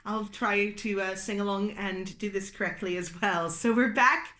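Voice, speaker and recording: A woman leading a relaxed singing warm-up lesson, explaining exercises in an encouraging, chatty way and laughing off her own slips. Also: medium pitch, normal speed. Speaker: singing teacher. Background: piano.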